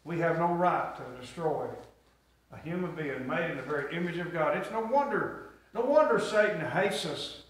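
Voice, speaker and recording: A middle-aged pastor with a fairly high voice and lively intonation preaches at a moderate pace, prompting answers from the congregation. The setting is a small church sanctuary, recorded echoey and from far away.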